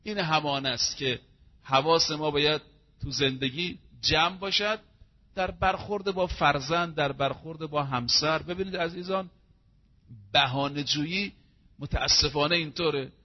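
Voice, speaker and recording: A man preaching a sermon in an emphatic, rhetorical way, piling up examples in quick runs. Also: a little high, lo-fi sound.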